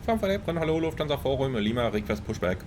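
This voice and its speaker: A male airline pilot gives clipped cockpit radio calls and checklist callouts, his pitch moving in a lively way. A faint hiss sits behind his voice. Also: fast talker.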